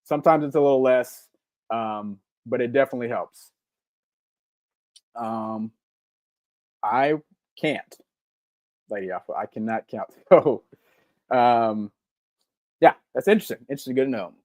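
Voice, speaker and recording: A man in his 40s co-hosts a live-stream podcast, reading chat comments in a rambling, upbeat manner full of ums and repeats. His medium-pitched, slightly mellow voice moves at a measured pace with long pauses, and there's no echo.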